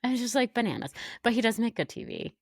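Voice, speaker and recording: A young woman co-hosting a casual recap podcast, chatting quickly and acting out quotes in a raised voice. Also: fairly high pitch, animated, no room sound, studio quality. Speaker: podcast co-host.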